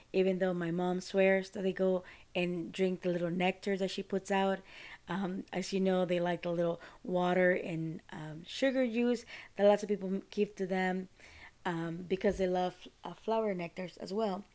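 A woman's voice: lowish voice, steady tone, normal speed, darkish tone. A woman from Costa Rica hosting a podcast, talking on her own in a chatty, rambling, informal way. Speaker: podcast host. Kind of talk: casual solo monologue.

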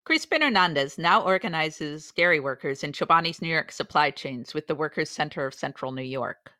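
A woman's voice: low-pitched, lively intonation, moderate pace, bright, forceful tone, no echo, studio quality. A woman reporting in scripted podcast narration. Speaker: podcast reporter, campaigns manager.

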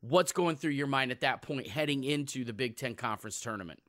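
A man's voice: medium pitch, fairly quick, fairly bright tone, no echo, clean studio sound. A man hosting a sports podcast in a casual, emphatic and jokey conversational way.

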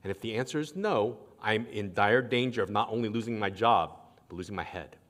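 A man's voice: fairly low pitch, a little fast, a bit bright, voice pushed down, natural voice. A man voicing a worried royal official who anxiously explains his risk, during a sermon. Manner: anxious, casual pleading. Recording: long reverb of a large hall.

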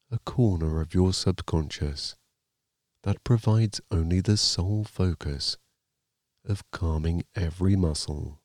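A man narrating a guided sleep meditation like a sleep story, in a calm, soothing, gently measured manner. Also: sits low, dry recording, clean studio sound.

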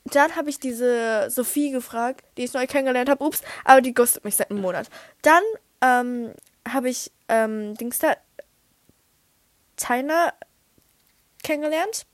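Excitable young woman, dry close sound. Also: sits high, a little slow, long pauses, dry recording. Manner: excitable, dramatic outbursts, mixes in English slang. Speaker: podcast host. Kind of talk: casual chat.

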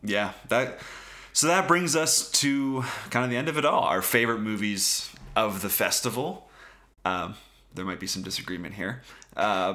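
Low, bright-voiced man chatting about films. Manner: rambling, many restarts and fillers. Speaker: podcast co-host. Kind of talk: casual film review chat.

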